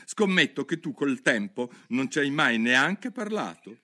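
A man reading as an excitable, indignant hatter in a storybook, pitched high above his own voice and swinging wildly in tone. He talks loudly and theatrically, often lurching into shouted, sing-song rhymes, with a bright, forceful ring. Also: a little slow. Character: excitable, indignant male Mad Hatter, adult. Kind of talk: audiobook reading.

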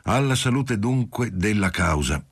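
A man's voice: fairly low pitch, lively intonation, unhurried, slightly rough, dry recording, studio quality, voice pushed up, full character voice. A man reading an audiobook voicing a reserved young husband who answers briefly. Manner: short, restrained replies.

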